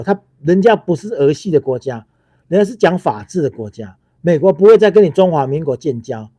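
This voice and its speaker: Taiwanese mandarin guy ranting on a political livestream, lots of rhetorical questions, keeps restarting. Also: high voice. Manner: heated, scolding, rhetorical questions with many restarts. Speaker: political commentator.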